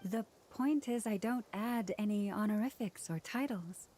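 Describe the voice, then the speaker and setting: A woman voicing a gentle, formal young maiden with a soft, measured delivery in an anime video game. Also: medium pitch, close to an everyday voice. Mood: earnest, gentle.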